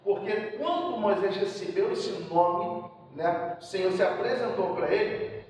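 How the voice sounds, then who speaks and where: High-voiced man teaching in an echoey hall. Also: measured pace, darkish tone. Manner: emphatic, frequent "né?" check-ins. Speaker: seminary teacher. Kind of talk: church seminary class. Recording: echoey hall from far off, faint background noise.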